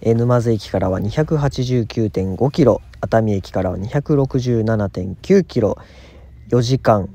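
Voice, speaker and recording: A man's voice: fairly low pitch, unhurried, mellow. A man giving polite, informative scripted narration for a train travel vlog.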